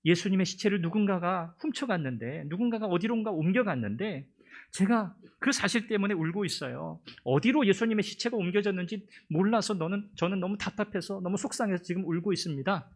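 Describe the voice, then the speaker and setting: A woman's voice: mid-range voice, expressive, fairly quick, pitched above the performer's own voice. A male pastor voicing a grieving woman who pleads tearfully at a tomb. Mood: pleading.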